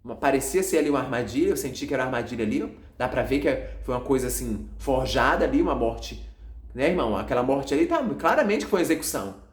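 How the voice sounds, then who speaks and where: A man with a Brazilian accent who runs an evangelical channel, recounting a dream to his followers in an agitated, halting, repetitive way. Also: mid-range voice, very animated, reverberant. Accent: Brazilian Portuguese.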